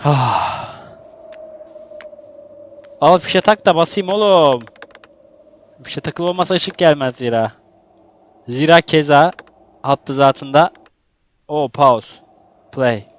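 A young man giving casual let's-play commentary, excitable, exclaiming and grumbling at the game. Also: on the high side, slow, pauses often. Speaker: gaming YouTuber.

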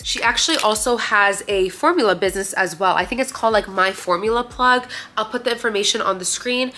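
In a pushed, bright, mid-range voice, a young Romanian woman gushes through a casual haul video for her viewers, chatty and saying "like" again and again among plenty of other fillers. She records in a bright living room on a camera facing her.

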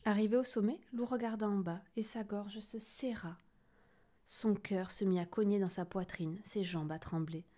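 A woman narrates a children's picture book aloud with expressive, animated delivery. Her voice sits at an ordinary pitch for a woman. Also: normal speed. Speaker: storybook reader. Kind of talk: children's story reading.

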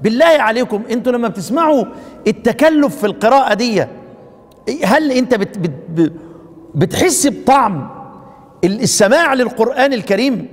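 A man with an Egyptian accent lectures on recitation rules in a fairly high voice. He quizzes his audience with questions he answers himself, stumbling over repeated words along the way. A long hall reverb trails behind everything he says. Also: lively intonation, brisk. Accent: Egyptian Arabic. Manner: repeats and restarts words while thinking. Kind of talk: classroom lecture.

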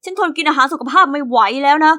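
A woman's voice: high voice, fast, sharp tone. A woman voicing a spoiled, selfish teenage boy who talks in a whiny, demanding way.

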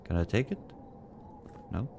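A let's play gamer talks casually while playing a horror game, his voice dark-toned and a little slow. He mutters to himself with jumpy, nervous asides, and there's slight background noise.

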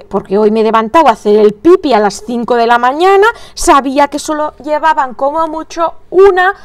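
A woman's voice: fairly high pitch, no echo. A woman giving a casual crochet tutorial, chatting and thinking aloud as she counts stitches under her breath. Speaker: crochet instructor.

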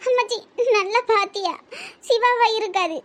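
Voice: very high-pitched, normal speed. A voice artist playing a heartbroken, tearful young village woman with a Tirunelveli Tamil accent in a cartoon comedy. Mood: pleading. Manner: pleading, tearful, soft.

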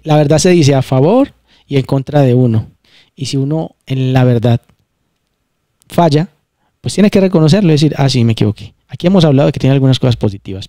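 A man hosts a casual spiritual talk. He explains emphatically, circling back to repeat his points. His voice is mellow and the sound is dry, with no room around it. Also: mid-range voice, no room sound. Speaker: channel host.

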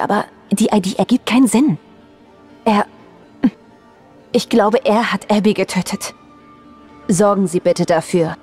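Husky, worried station crewwoman. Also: mid-range voice, darkish tone. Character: worried, earnest female space station crew member. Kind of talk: video game voice acting.

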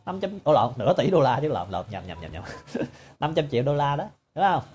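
A man's voice: medium pitch, sing-song, fast talker, darkish tone. A man giving a sarcastic, mocking monologue to his viewers. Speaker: political commentator.

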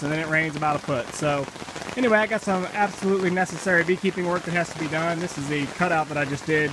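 Chatty man in backyard rain. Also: a little high. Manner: relaxed, explanatory, chatty with fillers. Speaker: beekeeper vlogger. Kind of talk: casual walk-through narration. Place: backyard under a canopy in the rain, outdoors. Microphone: handheld camera mic. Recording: rain noise on camera mic. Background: steady rain on the canopy.

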